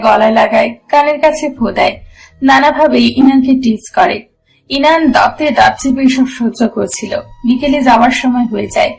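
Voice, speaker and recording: A woman narrating a romance audio story in a steady storytelling manner. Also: a little high, vocal fry, rough recording.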